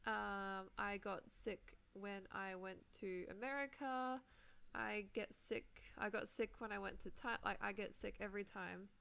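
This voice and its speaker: A young New Zealand woman streams Minecraft live, chatting casually and rambling with fillers and frequent laughs while recovering from a sore throat. Her medium-pitched voice is unhurried, bright, clear and resonant, with vocal fry and a forceful tone.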